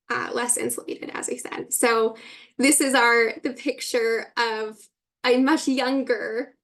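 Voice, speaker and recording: A woman with a fairly high but flat, even voice, guiding listeners through an online exhibit. She explains and sets up clips at a steady pace, heard through a computer mic on a video call. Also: creaky. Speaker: webinar presenter. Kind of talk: guided exhibit tour on a webinar.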